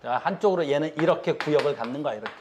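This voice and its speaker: Guy with a pretty high voice doing a physics lecture, keeps saying look and asking if you get it. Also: expressive, very fast, noisy background. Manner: repeats "봐" and "알겠니?" checks to students; casual speech, explaining with drawings. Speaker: teacher.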